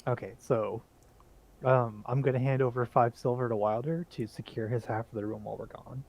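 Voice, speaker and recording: A man's voice: mid-range voice, steady tone, fairly quick, vocal fry, darkish tone, muffled recording. A man playing a tabletop game with friends, talking casually and hesitantly, often laughing. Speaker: player.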